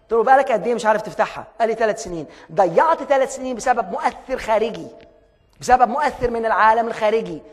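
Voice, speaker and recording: A man's voice: extremely high pitch, animated, racing. A man with an Egyptian accent gives a motivational talk as a coach. He repeats his points, asks rhetorical questions, and acts out both sides of conversations. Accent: Egyptian Arabic. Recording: long hall reverb.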